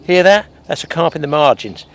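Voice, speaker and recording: A middle-aged man, talking casually while fishing at a lakeside and getting excitable when fish bite. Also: fairly high pitch, brisk, gravelly. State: out of breath. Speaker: angling presenter. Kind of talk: outdoor fishing demonstration. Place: outdoors at a lakeside. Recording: faint outdoor noise.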